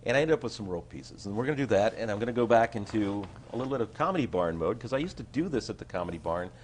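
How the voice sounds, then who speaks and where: Talking very fast in a fairly low voice over slight background noise, a man guests on a talk show, chatting before doing a funny magic routine. He designs stage effects and performs magic, and his delivery is animated, playful patter punctuated by hummed bits of tune.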